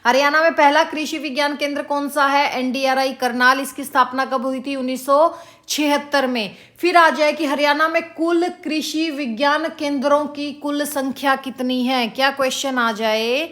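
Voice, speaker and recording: A woman teacher giving an exam-prep lesson, repeating each question slowly and drilling the answers for her students. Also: high-pitched, fairly even intonation, a bit bright. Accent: Haryanvi-tinged Hindi. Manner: addresses students as beta.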